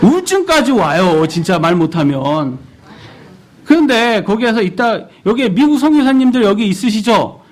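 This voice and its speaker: Lively high-voiced man preaching. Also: moderate pace. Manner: animated, asks the congregation questions. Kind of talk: sermon. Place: church.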